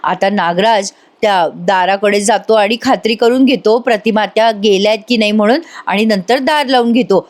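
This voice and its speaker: A woman's voice: mid-range voice, moderate pace. A woman giving a chatty voice-over recap of a TV serial episode, talking straight to viewers and adding her own opinions. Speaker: TV serial reviewer.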